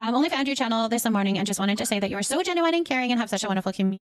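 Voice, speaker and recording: Speaking at a racing clip with a fairly high, expressive voice, this Canadian livestream host reads and replies to comments in an affectionate, encouraging manner, using endearments for her audience. The audio is dry and studio quality.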